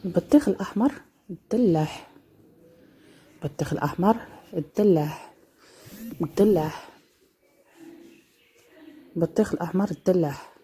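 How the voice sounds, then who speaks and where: Slow, low-voiced woman teaching vocabulary. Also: warm tone, husky. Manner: slow, repeating each word several times. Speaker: dialect teacher. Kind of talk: slow vocabulary lesson with repetition.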